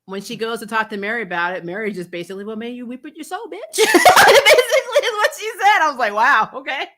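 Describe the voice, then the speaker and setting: On a very noisy recording, a woman with a fairly high pitch talks fast and very animatedly. She hosts a fan show reviewing a TV superhero series, chatting casually with sarcasm and disbelief, swearing bluntly and frequently laughing mid-sentence.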